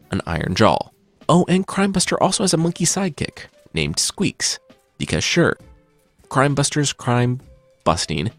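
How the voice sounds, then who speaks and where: A man's voice: medium pitch, no echo. A man hosting a podcast, giving scripted narration in a wry, sarcastic storytelling manner. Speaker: podcast host and writer.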